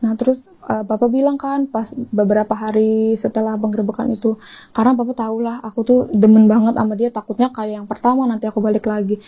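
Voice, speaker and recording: A young woman telling her own story in an interview, rushing through it and acting out the quoted dialogue. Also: on the high side, muffled recording. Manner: fast, animated retelling, acting out quoted dialogue. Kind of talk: emotional personal account.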